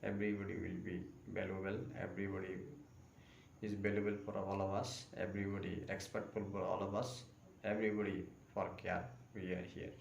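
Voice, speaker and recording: A Buddhist monk giving a live-streamed Dharma talk in slow, repetitive. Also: male voice, deep voice, little pitch movement, creaky. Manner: slow, repetitive phrasing in non-native English. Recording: echoey room with faint ambient noise.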